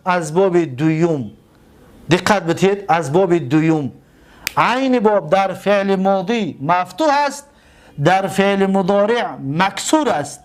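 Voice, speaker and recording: High-voiced man teaching Arabic grammar. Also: lively intonation. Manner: slow drawn-out repetition of example words; asks the class questions and answers them himself.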